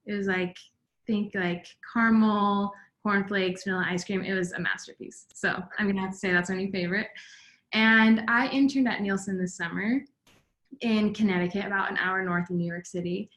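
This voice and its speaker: A woman's voice: medium pitch, steady tone, normal speed, a bit bright, echoey room. A young woman from Utah introducing herself on a webinar panel, enthusiastic and gushing.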